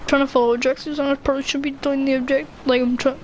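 Young woman, high-pitched, casual gameplay chat, foul-mouthed, self-mocking. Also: level tone, racing, background noise. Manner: chatty, swears freely, self-mocking. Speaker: gamer.

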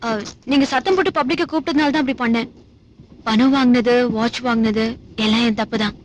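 An actress playing a young woman who seems sweet and apologetic but calmly carries out a revenge plan, with background noise behind her. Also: fairly high pitch, fast talker, lightly acted. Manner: soft and apologetic, calmly sly. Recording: film soundtrack with background noise.

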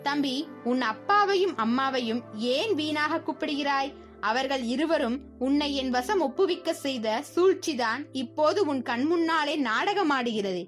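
A woman's voice: sits high, animated, unhurried, faint music behind. A woman reading the lines of a scheming middle-aged male circus owner in a children's story, with a mocking, taunting manner.

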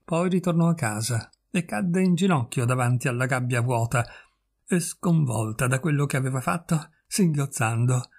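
A man reading a literary short story aloud in a measured, expressive storytelling manner. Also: medium pitch, husky. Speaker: audiobook reader.

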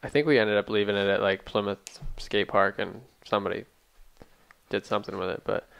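A man's voice: on the low side, flat delivery, a little fast, vocal fry, fairly bright tone, smooth, dry recording. A man in his thirties telling stories in an easygoing, agreeable podcast chat. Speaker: podcast co-host. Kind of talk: casual chat. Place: small studio room, indoors. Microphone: boom mic with headphones.

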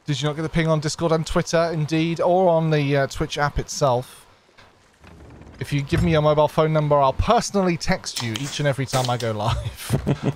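Playful male streamer from Wales, mid-pitched, self-mocking banter over a noisy home mic. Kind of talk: casual gaming stream chat.

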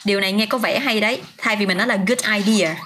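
A woman's voice: medium pitch, fast talker, a bit bright, slight background noise. Chatty woman teaching English on a livestream. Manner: chatty, answers viewers' comments by name, many fillers and restarts. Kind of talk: casual livestream lesson.

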